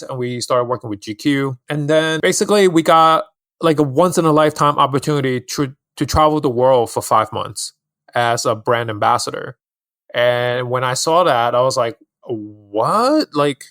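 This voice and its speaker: Relaxed man telling his story. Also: medium pitch, dry recording, studio quality. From Hong Kong. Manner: relaxed, lots of "like" and "you know", light laughs. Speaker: guest, style influencer. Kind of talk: casual interview storytelling.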